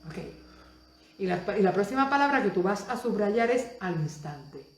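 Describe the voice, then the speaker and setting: A woman preacher delivering a Spanish-language sermon, moving between soft asides and loud exclamations and asking the audience many questions. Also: mid-range voice, normal speed, echoey room.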